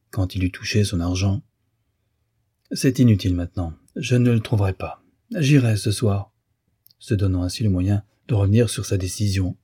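Dark, husky male audiobook reader. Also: lowish voice, no room sound, clean studio sound. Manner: measured, even reading. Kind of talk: scripted narration of a classic novel.

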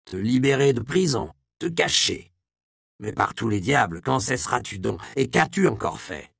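A man's voice: on the low side, animated, normal speed, creaky, fairly bright tone, no room sound, clean studio sound, exaggerated voice. A man reading an audiobook, voicing an old Benedictine abbot who scolds in exasperation. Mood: angry. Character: old Benedictine abbot, male, stern, easily angered.

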